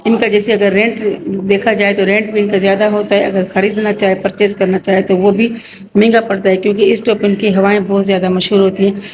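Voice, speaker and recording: Speaking flatly at a medium pitch over a noisy background, this tired Pakistani vlogger has a headache and little energy. Still, she chats through her home vlog, describing what everyone in the family is up to.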